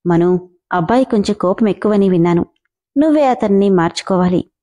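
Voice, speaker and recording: Brief: a woman reading as a middle-aged mother on the phone, coaxing and firm, mellow storybook voice. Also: mid-range voice, fairly quick, lightly acted.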